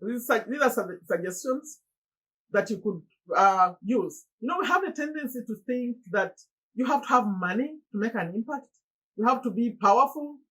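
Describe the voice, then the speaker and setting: A middle-aged Ugandan motivational YouTuber, whose first language is Luganda, speaks earnestly and pleadingly straight to her viewers. Her slightly husky, breathy voice sits a touch high and at normal speed, now and then jumping up in animated exclamations. The recording is low quality.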